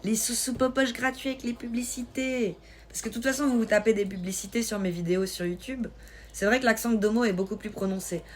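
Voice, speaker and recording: A woman from Switzerland with a light Swiss French accent, hosting a live stream and chatting casually with viewers in a teasing, quick-witted way. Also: fairly high pitch, fairly even intonation. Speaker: livestream host. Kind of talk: casual live-stream chat reading comments.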